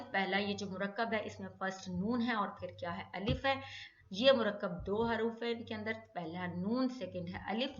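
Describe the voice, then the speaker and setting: A woman teaching a Quran recitation lesson, putting questions to herself, answering them, then drawing out each letter slowly. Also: medium pitch. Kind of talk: tajweed lesson in Hindi-Urdu. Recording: dull echoey room recording.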